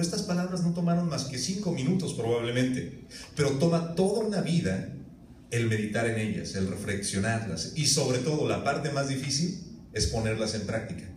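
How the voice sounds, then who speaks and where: A man, preaching a sermon as pastor, telling lively stories and acting out voices. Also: medium pitch, moderate pace, slight background noise. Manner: animated storytelling with acted-out voices. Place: church hall. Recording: echoey church room, mic at a distance.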